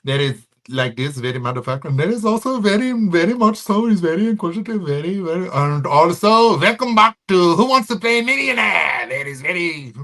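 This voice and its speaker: A man putting on an exaggerated Indian accent, playing an excitable male game show host. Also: brisk, hardly any pauses, heavily acted. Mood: hammy excited. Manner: exaggerated comic accent, pitched high.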